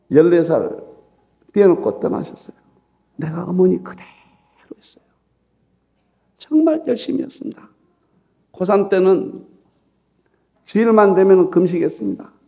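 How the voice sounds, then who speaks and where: A middle-aged Korean man preaching at a dawn church service, his high, gravelly voice leaping up and down in pitch. He tells his own story with deep feeling, rising to loud cries and then sinking to near-whispers. The tone is dark and mellow in spite of the height. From South Korea. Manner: emotional, swings from loud exclaiming to hushed whispers. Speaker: pastor. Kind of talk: sermon with personal storytelling.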